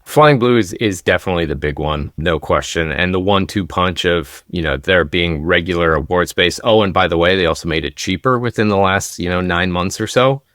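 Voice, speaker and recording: A man's voice: sits low, fairly quick, hardly any pauses, fairly bright tone, dry recording, studio quality. A man speaking as an expert guest on a podcast, explaining things upbeat and enthusiastically. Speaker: travel deals expert guest. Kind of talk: podcast conversation. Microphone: podcast microphone.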